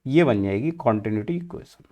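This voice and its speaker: A man's voice: medium pitch, lively intonation, dull audio. A man with an Indian accent teaching engineering, mixing Hindi and English and asking questions he then answers himself. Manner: mixes Hindi and English, asks and answers his own questions; slow and deliberate, stretching out key terms. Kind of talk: classroom lecture.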